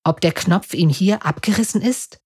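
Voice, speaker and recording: Woman reading brisk male police inspector, matter-of-fact, dry close sound, storybook. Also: fairly low pitch, a little mellow, husky, dry recording. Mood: thoughtful.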